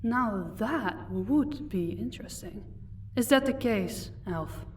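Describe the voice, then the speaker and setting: A woman with a fairly high, lively-inflected voice speaks slowly as a powerful vampire lady of an estate, cool and commanding as she mocks and talks down to the listener in audio roleplay. The recording comes from a distant mic with faint background noise.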